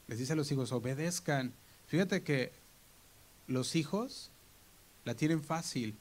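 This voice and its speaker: A man's voice: fairly high pitch, expressive, unhurried. A Mexican man preaching a sermon in an earnest, storytelling way, often acting out the people he quotes. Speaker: pastor.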